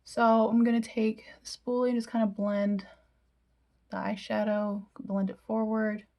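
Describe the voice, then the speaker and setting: A woman's voice: medium pitch, little pitch movement, measured pace, mellow. A young woman chatting casually through a makeup tutorial, with self-deprecating asides that sometimes drop to a whisper. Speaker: beauty vlogger.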